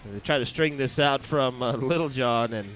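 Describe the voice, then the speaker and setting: A man announcing a high school football game play-by-play, calling each snap briskly and working in sponsor reads, recorded at an outdoor stadium. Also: fairly bright tone.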